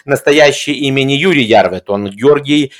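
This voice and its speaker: A man's voice: mid-range voice, moderate pace. A man discussing film in a reflective conversational way, hesitant, with erudite and formal wording.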